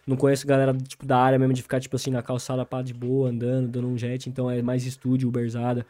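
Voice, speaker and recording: A man's voice: mid-range voice, completely flat delivery, very fast, dark tone, dry recording. A young man with a São Paulo accent, a rapper guest telling a long story in casual, slang-heavy talk, laughing and acting out other people's lines. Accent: São Paulo Brazilian Portuguese. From interior of São Paulo state, Brazil.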